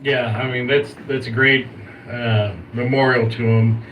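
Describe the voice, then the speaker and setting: A man co-hosting a casual wrestling podcast, thinking aloud and halting over his words. His voice sits at a middle pitch. The mic is distant and picks up faint hiss. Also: little pitch movement, a bit bright. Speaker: podcast co-host.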